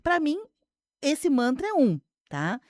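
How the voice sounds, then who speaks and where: A woman's voice: high voice, very animated, slow, darkish tone, dry recording, studio quality. A woman hosting a casual radio conversation, reflective, often checking in with her co-host. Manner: reflective, speaks with many tag questions.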